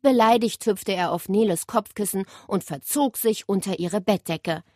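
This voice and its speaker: A woman narrating a children's story in a lively, expressive reading. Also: medium pitch, normal speed, dry recording, clean studio sound.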